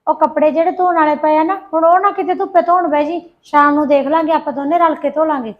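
A woman's voice: high-pitched, fairly even intonation, fast talker, lo-fi sound, lightly acted. An actress playing a friendly, reassuring young woman who studies law, in a homemade family drama. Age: young adult. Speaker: daughter in a family short film. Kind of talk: amateur family drama acting.

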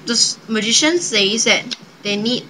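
A young woman casually presenting a card trick, improvising her patter in a hesitant, halting way. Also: a little high, sharp tone. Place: indoors at a table. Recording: noisy home webcam-style recording.

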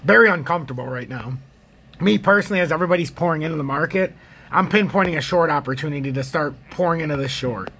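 An American man hosts a trading video, offering casual, rambling, opinionated commentary on charts in a gravelly, husky voice. He talks fast, slightly high and bright, with a pushed delivery and a little background noise.

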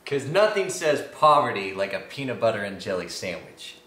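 A young man co-hosting a homemade comedy cooking sketch, cracking deadpan one-liners in a home kitchen. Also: on the low side, moderate pace. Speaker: comedy cooking show co-host. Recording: echoey kitchen on a camera mic.

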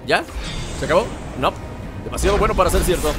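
A man narrates his gameplay in an easygoing let's-play style. He playfully heckles the enemies with mock insults as he goes. Loud game music plays behind him the whole time. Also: sits high, animated, fast. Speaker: gameplay commentator. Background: game music and sounds.

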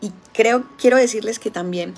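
A woman with a Colombian accent giving a casual spiritual talk, telling stories with lively, acted-out quotes. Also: on the high side, normal speed, faint music behind. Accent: Colombian Spanish. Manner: animated storytelling, acting out quoted voices. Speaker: spiritual healer.

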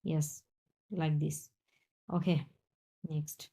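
A woman's voice: sits low, flat delivery, very slow, mellow. A woman, teaching an online language class, patiently repeating points and checking that students follow.

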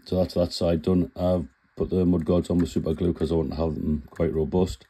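Suffering from a cold, this man walks through building a scale model in a relaxed tutorial, chatting simply and often revising his words. His low, dark voice is level in tone, brisk, and slightly breathy.

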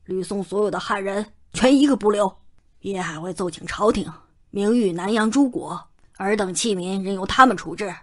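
A woman's voice: mid-range voice, normal speed, fairly bright tone, lightly acted. A woman voicing a stern young male Qing prince who scolds coldly and scornfully in an audiobook. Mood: cold threatening. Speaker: audiobook narrator.

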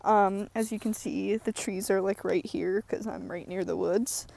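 A woman's voice: mid-range voice, steady tone, unhurried, vocal fry, mellow. A young woman vlogging casually as she walks outdoors, rambling with lots of fillers and dry self-mocking humor, a little out of breath. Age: young adult. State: slightly out of breath from walking uphill. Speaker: YouTuber. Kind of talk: casual walking vlog. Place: outdoors at the edge of woods. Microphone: wired earbud headset mic, phone held low.

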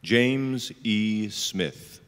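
A man reading graduates' names at a commencement ceremony, slowly and deliberately, one name at a time. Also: lowish voice, animated, fairly bright tone, clear, resonant tone. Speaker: name reader. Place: large auditorium. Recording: long hall reverb.

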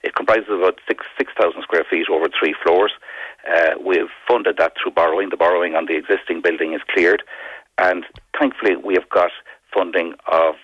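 A man with a west of Ireland accent giving a radio interview, husky and often repeating words as he goes. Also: low voice, fairly even intonation, fairly quick, fairly bright tone, no echo. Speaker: community development company representative, interview guest. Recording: dull, band-limited phone-like radio sound.

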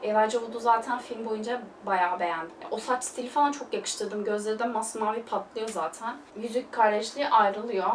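A young woman talks through a casual film review, her voice a bit high and caught from some distance in an echoing room. She gushes freely and leans on loose fillers. A faint hiss sits under the recording. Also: fairly quick, hardly any pauses. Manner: gushing, chatty, loose filler-heavy talk. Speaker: film vlogger.

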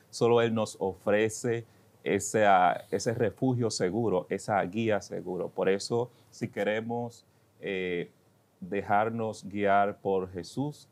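A man speaks on a religious television program in a very deep, low register. He delivers a preaching-style reflection at an unhurried, deliberate pace. He keeps returning to the same key phrases to drive his point home. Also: a little mellow. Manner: earnest, repeats key phrases for emphasis.

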